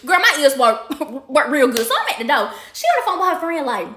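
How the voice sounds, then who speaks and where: A young woman spins a comedic story in a high, lively voice that swoops up and down. She talks fast and loose, tossing playful slangy asides to her listeners. The room gives a noticeable echo. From Athens, Georgia. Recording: echoey room.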